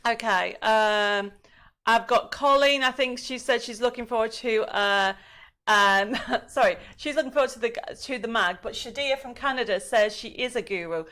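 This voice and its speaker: Chatty woman host with a fairly high voice. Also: normal speed, sharp tone. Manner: chatty, informal. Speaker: host of a craft live stream. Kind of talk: casual chat, greeting viewers.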